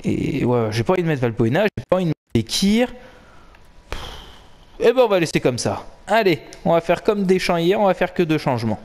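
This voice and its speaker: A young man giving excited, swearing live commentary while playing a football video game. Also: on the high side, fairly quick. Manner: animated, swearing, cheering and groaning at the match. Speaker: gaming commentator.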